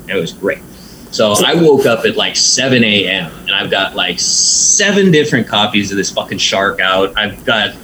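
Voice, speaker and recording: Laid-back male tattoo artist, low voice, rambling and profane, slight background hiss. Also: fairly bright tone, rough recording. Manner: laid-back, swears freely, rambling with many ums. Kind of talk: casual storytelling interview.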